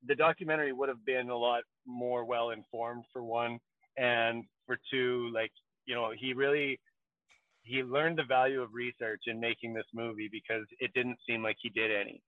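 A man's voice: medium pitch, steady tone, normal speed, no echo. A man co-hosting a podcast in casual chat, rambling along with lots of fillers. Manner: rambling, heavy on fillers like "you know". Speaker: podcast co-host. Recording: tinny, dry call audio.

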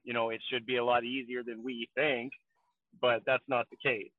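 Male podcast co-host, casual and rambling, mid-pitched, recorded over a thin phone-like line. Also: flat delivery, normal speed, no echo. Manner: rambling, heavy on fillers like "you know". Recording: tinny, dry call audio.

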